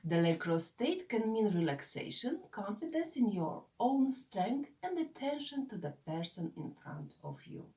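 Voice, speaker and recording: A woman reads a scripted lesson in a measured, explanatory way. Her voice is mellow and warm, and her pitch moves a lot. She sounds set back from the microphone. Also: far from the mic. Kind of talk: scripted narration.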